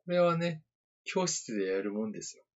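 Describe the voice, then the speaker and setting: A man's voice: medium pitch, big pitch swings, a little fast, darkish tone. A man in casual chat, quizzing his co-host on words with a teasing, hint-giving manner. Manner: teasing quizmaster, gives hints. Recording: dull lo-fi podcast audio.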